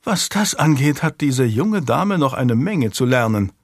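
A man's voice: big pitch swings, a little slow, no echo, studio quality. A man voicing a young widowed governess in an audiobook, anxious, stern and scolding. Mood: relieved. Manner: scolding and shrill.

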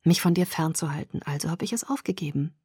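A woman reading a German story, voicing a teasing, mysterious young man in a quiet, hushed voice. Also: deep voice, fast, slightly rough, dry recording, clean studio sound. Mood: softly teasing.

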